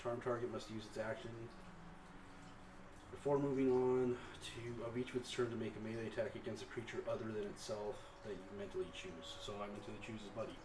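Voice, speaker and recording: A man's voice: lowish voice, flat delivery, brisk. Guy at a tabletop game reading his spell out, casual, roomy echo, hissy. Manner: casual, unsure, reading rules aloud. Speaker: player. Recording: echoey room, distant mic, clear hiss.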